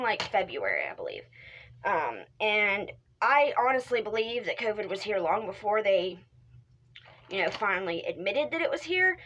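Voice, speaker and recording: A woman's voice: medium pitch, a bit bright, rough recording. Rambling young woman vlogging casually. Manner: rambling, frequent fillers and restarts; drops into whispered asides. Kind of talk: casual talk to camera.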